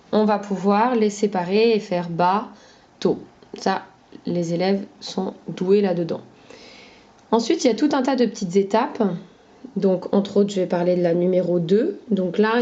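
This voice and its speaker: Woman teacher with a mellow, dull-sounding voice. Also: mid-range voice. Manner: clear, methodical, demonstrating with hand gestures. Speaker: teacher explaining phonics games to parents. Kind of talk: explanatory lesson. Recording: dull lo-fi recording.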